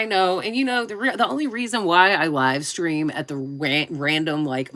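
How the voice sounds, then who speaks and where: A woman's voice: extremely low pitch, a bit bright. A woman with a nasal, congested voice, chatting informally and in a rambling way as she hosts a casual live stream. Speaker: live streamer and YouTube creator.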